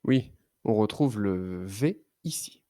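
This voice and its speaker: A man teaching a child to read, sounding out letters and syllables slowly and carefully. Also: lowish voice, lively intonation, dark tone, dry recording, studio quality. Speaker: reading teacher. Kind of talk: children's phonics lesson.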